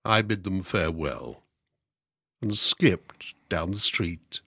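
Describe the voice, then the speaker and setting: Male reader with a husky voice, dry close sound, animated pitch and deadpan wit. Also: takes it slowly, no echo. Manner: lively, expressive storytelling with dry humour. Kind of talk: scripted story reading for hospital radio.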